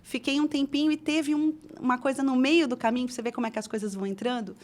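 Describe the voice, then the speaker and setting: Speaking quickly in a high, steady voice, this middle-aged woman from Brazil recounts her career as an interview guest. She's chatty, often restarting sentences and leaning on fillers.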